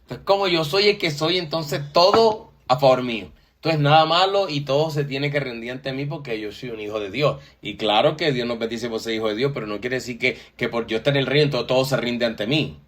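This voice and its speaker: A man's voice: mid-range voice, fast, few pauses, fairly bright tone. Man, mid-range voice, explanatory church talk, filler-heavy. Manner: explanatory, repeats "o sea" and "entonces". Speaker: co-host.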